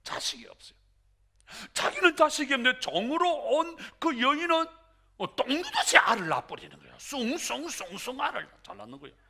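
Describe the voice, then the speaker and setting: A male pastor preaching a sermon in an animated way, acting out prayers and dialogue as he goes. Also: very high voice, fairly quick, creaky.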